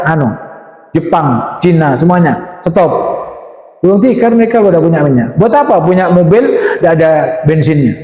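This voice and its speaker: Guy giving a sermon, high pitched, lots of questions at the crowd, roomy echo. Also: a little mellow. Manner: rhetorical questions to the audience. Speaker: preacher. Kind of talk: Quran commentary sermon. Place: mosque or religious school hall. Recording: echoey hall reverb.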